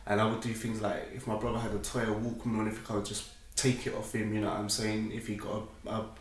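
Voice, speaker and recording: A man's voice: fairly low pitch, little pitch movement, fast. A man with a South London accent giving an informal personal testimony in a hesitant, repetitive, slangy way. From South London, England. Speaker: speaker telling his conversion story. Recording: echoey room, distant microphone.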